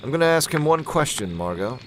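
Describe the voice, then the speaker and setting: An actor playing a calm, shrewd crime-fighting detective with hypnotic powers, deliberate and theatrical, in 1940s-style radio drama. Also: male voice, fairly high pitch, slight background noise, low-quality recording. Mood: determined, confiding.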